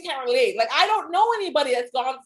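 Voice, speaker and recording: Woman co-host, high pitch, candid filler-heavy talk, echoey room sound. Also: lively intonation, fast, a crowd in the background. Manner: candid, filler-heavy, acts out quoted voices. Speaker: podcast co-host. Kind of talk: casual chat.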